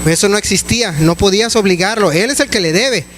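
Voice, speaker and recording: A male pastor with a high voice gives a casual, chatty sermon and often stops to restart his sentences. A faint hum runs underneath his voice. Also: brisk, fairly bright tone, poor audio. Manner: conversational, many restarts and fillers.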